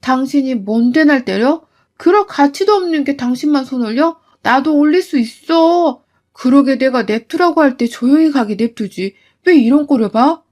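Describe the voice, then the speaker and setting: A woman with a high, animated voice at normal speed plays her younger self as a furious, fed-up young wife. She talks back sharply and defiantly, raising her voice to a shout.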